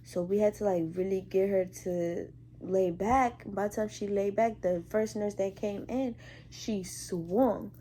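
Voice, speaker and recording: A woman's voice: medium pitch, steady tone, a little slow, mellow, a little hiss or hum. A young woman who works in hospital care, telling a story in a casual, colloquial vlog style.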